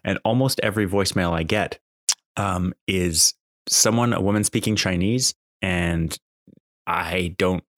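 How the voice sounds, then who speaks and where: A man hosts a podcast, delivering a casual, unscripted monologue in a conversational but exasperated, complaining tone. His voice sits low and moves a little slowly, captured in clean studio sound with no echo.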